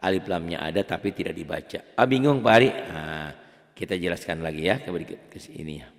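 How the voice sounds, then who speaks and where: A man teaching Quran recitation in a casual, patient way, stretching the example words into slow chanted recitation. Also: low-pitched, steady tone, in a large hall. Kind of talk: casual spoken tajwid lesson.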